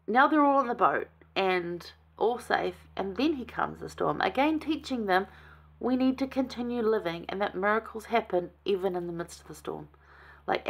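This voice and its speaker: A woman's voice: mid-range voice, fairly bright tone, slightly rough. Chatty woman teaching scripture. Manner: chatty, conversational, enthusiastic. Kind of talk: casual scripture lesson.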